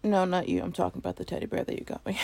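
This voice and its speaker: A woman with a low, warm voice does a full character performance of a sleepy, playful girlfriend waking late on her birthday in an intimate role-play. She murmurs in a whiny, teasing way and sometimes whispers, with no echo in the recording.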